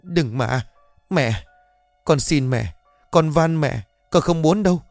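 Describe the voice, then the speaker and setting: A man's voice: mid-range voice, moderate pace, a little mellow, dry recording, faint music behind, pitched above the performer's own voice, lightly acted. Tearful stammering young woman, voiced by a male narrator, pleading and scared, story reading. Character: frightened young woman, spoiled pleading daughter.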